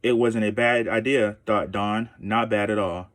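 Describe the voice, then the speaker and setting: Guy reading a kids chapter book out loud, low voice, fixes his slips as he goes. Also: measured pace. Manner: steady read-aloud with small self-corrections. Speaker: teacher reading aloud.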